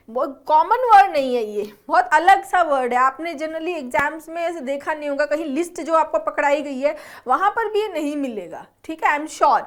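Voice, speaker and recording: Young woman with a high voice giving a vocab lesson, lots of quick check-ins, mixes english words in. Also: fairly bright tone. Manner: explains and quizzes students with repeated check-ins. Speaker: vocabulary teacher. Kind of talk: online exam-prep vocabulary lesson.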